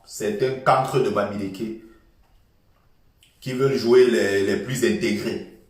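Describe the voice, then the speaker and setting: A man's voice: medium pitch, recorded from a distance. Passionate man lecturing in an echoey room. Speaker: political commentator. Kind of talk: impassioned political monologue.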